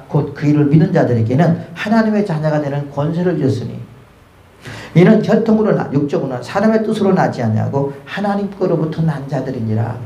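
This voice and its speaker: A middle-aged man preaching a sermon as pastor, telling stories and acting out the voices in his dialogues. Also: fairly high pitch. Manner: lively storytelling, acts out dialogue with God and friends. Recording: echoey church room.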